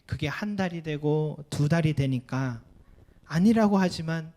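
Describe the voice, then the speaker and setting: Mellow-voiced man preaching a sermon. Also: unhurried. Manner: earnest preaching with rising emphatic peaks and soft low endings; acts out quoted complaints and Bible lines. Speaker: pastor.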